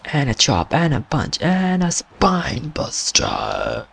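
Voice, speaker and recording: Man, gaming commentator, wrestling play-by-play, hoarse, gravelly, slow delivery. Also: fairly high pitch. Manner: excitable, exclaiming at surprises. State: voice strained and going hoarse. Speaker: gaming channel host doing commentary.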